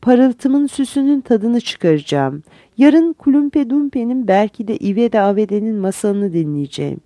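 A young fir tree in a storybook, naive and restless, musing to itself with a wistful, lively lilt, as a woman narrator puts it on. The voice is mellow and warm, close and dry. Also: fairly high pitch, a little slow, dry recording. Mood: hopeful.

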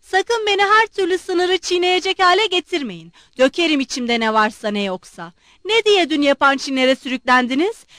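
A bitter young man lashes out in sharp, harsh shouts, as a woman reader puts him on. The voice sits high, with a dry, close sound. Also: expressive, moderate pace, no room sound.

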